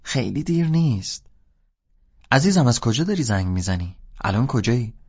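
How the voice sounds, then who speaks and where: A man's voice: mid-range voice, big pitch swings, breathy edge. A man voicing an adult woman woken late at night, curt and suspicious at first. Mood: flirtatious. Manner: curt, suspicious, then flirtatious. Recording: dull lo-fi audio.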